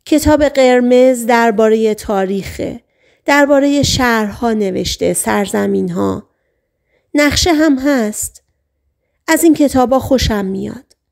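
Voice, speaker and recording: A woman reading the part of a hypnotized patient who relives a past life as a male sailor, speaking in short, halting sentences as if in a trance. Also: fairly high pitch, vocal fry, a little mellow. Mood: dreamy. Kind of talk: audiobook reading.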